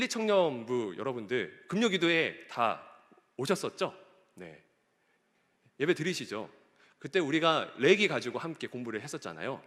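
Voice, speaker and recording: A man's voice: fairly high pitch, a bit bright. A male pastor preaching a sermon in a church, reading scripture aloud and putting questions to the congregation. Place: church sanctuary. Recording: echoey church hall.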